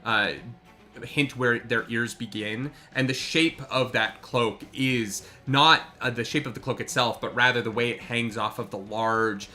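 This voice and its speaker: GM narrating a live tabletop session, bright tone, halting delivery, faint music behind. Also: medium pitch. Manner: halting, descriptive. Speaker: game master. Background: faint background music.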